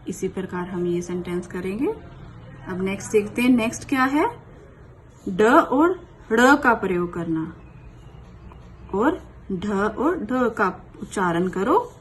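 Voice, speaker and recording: A woman is giving a lesson to a young primary class. She speaks slowly and patiently and repeats words so the children can follow. A faint noise sits behind her voice. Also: mid-range voice. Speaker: primary school teacher.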